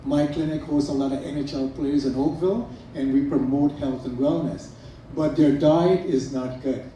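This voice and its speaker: A man's voice: mid-range voice, steady tone, moderate pace, mellow. A middle-aged man from Trinidad and Tobago, a naturopath giving an earnest, emphatic promotional talk to a live audience, listing items one by one. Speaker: naturopath speaking at a product event. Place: event room with an audience. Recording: echoey room from far off with faint noise.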